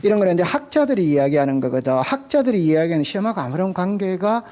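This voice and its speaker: A man's voice: high voice, big pitch swings, quick pace, warm tone. A man teaching a real estate exam class, quizzing students with call-and-response and repeating key terms. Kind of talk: classroom lecture.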